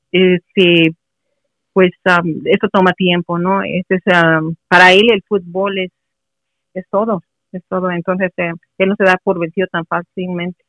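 A woman's voice: fairly low pitch, dry recording. A middle-aged woman from Mexico City, a guest in a casual interview, speaking earnestly and encouragingly. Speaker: interview guest, mother of a player. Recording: muffled, dry recording.

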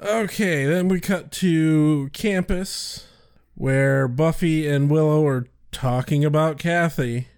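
A man co-hosting a podcast in casual chat, animated and acting out quotes as he recaps. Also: fairly high pitch, takes it slowly, smooth, dry recording, studio quality. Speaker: podcast co-host.

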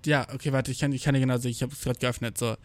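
A man's voice: medium pitch, little pitch movement, racing, no echo. Slangy ranting young man, dry close sound. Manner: rambling, heavy slang and swearing, quotes himself. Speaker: vlogger. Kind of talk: casual slangy monologue. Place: indoors, travelling abroad.

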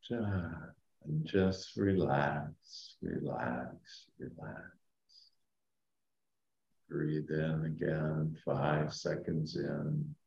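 A man guiding a meditation like a sleep story narrator, speaking softly and soothingly with long, calming pauses. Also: extremely low pitch, creaky. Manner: soft, hushed, calming delivery with long pauses. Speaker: spiritual teacher and meditation guide. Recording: dull, roomy echoing sound.

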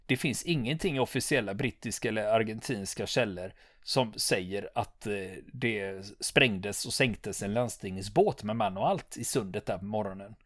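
A man hosting a history podcast, retelling a battle in a calm storytelling manner with many fillers and "va?" tags. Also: fairly low pitch, hardly any pauses, no room sound, clean studio sound. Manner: calm storytelling, rising to excited when narrating combat. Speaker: podcast host.

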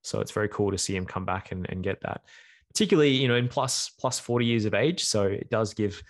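A young man co-hosting a casual podcast chat tells a long, rambling story packed with fillers. His voice is fairly low, and he speaks fairly quickly.

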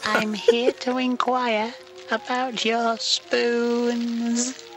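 A man voicing a creepy, gaunt male cartoon oddball who speaks in a high, drawn-out, eerie way, very slowly and politely. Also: completely flat delivery, a bit bright, exaggerated voice. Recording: cartoon clip with eerie music.

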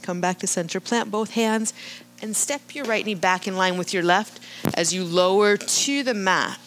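A woman leading a live yoga class, calmly cueing breath and movement and often checking in with "right?". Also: mid-range voice, a little hiss or hum. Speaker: yoga instructor.

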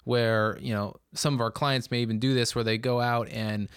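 A man hosting a weather podcast, talking in a relaxed, conversational way with plenty of fillers. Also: mid-range voice, moderate pace, clean tone, dry recording, studio quality. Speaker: meteorologist podcast host. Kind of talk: casual chat.

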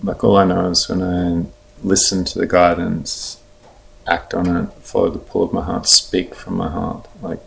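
A man with an Australian accent, a podcast guest telling a story in a relaxed, chatty way and acting out the dialogue. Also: low-pitched, normal speed, creaky. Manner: lively retelling, acts out quoted dialogue in a raised voice. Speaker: podcast guest, heart mentor. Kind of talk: casual storytelling.

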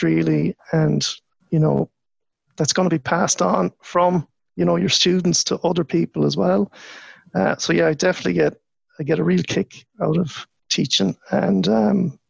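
Gravelly west of Ireland man, fairly high-pitched. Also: no echo, highs cut off. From Galway, west of Ireland. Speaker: university lecturer in anatomy, interview guest. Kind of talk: casual conversational interview.

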